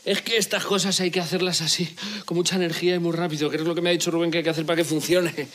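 A man's voice: on the high side, level tone, racing, a bit bright, lightly acted. An actor playing a snappish, breathless lazy man. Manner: snappish, swearing. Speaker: sitcom tenant. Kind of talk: sitcom acting.

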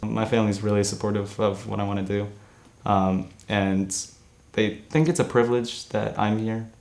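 A seventeen-year-old young man born in Korea, answering interview questions earnestly with frequent "um" pauses, in a studio. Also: on the low side, fairly even intonation, a little mellow. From born in Korea, raised in New Jersey. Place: studio against grey backdrop.

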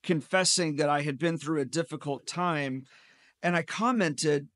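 A middle-aged male pastor delivers a sermon from a church pulpit, speaking into a gooseneck microphone. His voice sits a little high and moves at an unhurried, deliberate pace, with a dry, close sound. He tells personal stories with a gentle, wry humor. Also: no room sound. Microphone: pulpit gooseneck mic.

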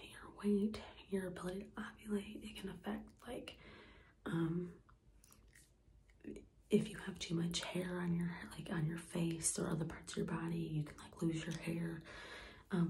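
A young woman talks in a hushed whisper so she won't wake the house, her low voice slipping into gravelly fry. Her tone is dark and mellow, and she rambles loosely with plenty of ums and likes. A faint hum of room noise sits underneath. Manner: whispering to keep quiet, rambling with many fillers. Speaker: vlogger. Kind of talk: whispered casual vlog. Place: home, early morning.

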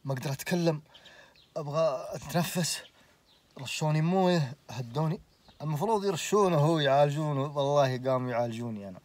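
A man in his late twenties with a Saudi accent, telling a personal story casually, animated and full of oaths. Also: on the high side, fast. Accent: Saudi Arabic. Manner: animated, swears oaths, laughs through the story.

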